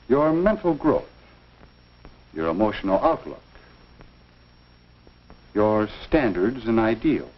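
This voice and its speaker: An actor in a 1950s educational film voices a kindly, earnest minister offering measured, folksy, avuncular advice to a young couple. His male voice swoops expressively in pitch. The old soundtrack is dull.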